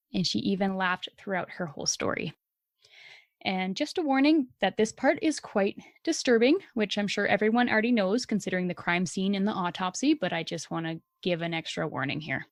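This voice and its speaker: A woman's voice: medium pitch, no room sound, clean studio sound. Blunt, swearing woman true-crime host. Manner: blunt, indignant, swears freely. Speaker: podcast co-host. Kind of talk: casual true-crime storytelling.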